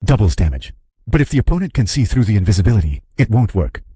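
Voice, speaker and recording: A man voicing a cold, calculating young male warrior hero who speaks in a cool, matter-of-fact way, with a slightly husky tone. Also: lowish voice, big pitch swings, quick pace, mellow, dry recording, studio quality, exaggerated voice.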